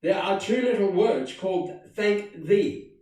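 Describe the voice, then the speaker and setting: A man's voice: sits high, expressive, measured pace, darkish tone, voice pushed up. A man doing a stern haughty genie. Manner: stern and lofty. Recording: very echoey room, distant mic.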